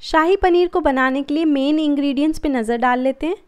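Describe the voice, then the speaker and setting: Speaking fairly quickly in a high voice, the host of a cooking channel offers friendly, calm, step-by-step recipe instructions as a voice-over.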